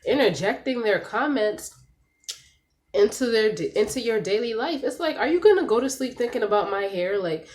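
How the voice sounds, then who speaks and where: A woman's voice: on the high side, expressive, normal speed, a little mellow. A young woman vlogging to camera in a candid, chatty way, sounding a little congested from a cold. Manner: chatty and candid, says "like" and "y'all" a lot. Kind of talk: casual talk to camera. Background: music, dog noise.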